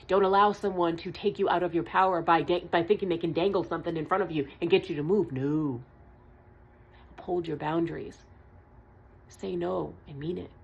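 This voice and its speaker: A tarot reader with a lowish, creaky, husky voice gives a channeled message in a spiritual vlog, recorded with dull audio. Her monologue is earnest and emphatic, repeating key points and dropping casual swear words.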